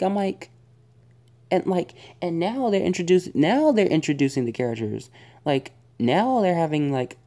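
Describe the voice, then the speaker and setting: A woman's voice: deep voice, dark tone. A young woman vlogger giving a casual spoken movie review, rambling and exasperated, full of fillers and groans.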